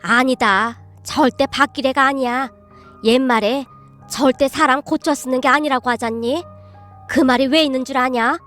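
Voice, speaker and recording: Woman voicing a sharp-tongued old grandmother. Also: sits high, fairly even intonation, normal speed, soft background music. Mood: instructive. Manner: sharp, forceful, argumentative. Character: sharp-tongued elderly grandmother, outspoken and shrewd.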